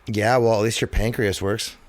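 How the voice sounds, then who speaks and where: A man's voice: on the low side, steady tone, moderate pace, dry recording. A man chatting casually with friends on a podcast, rambling and joking with fillers. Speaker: podcast co-host. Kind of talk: casual chat among friends.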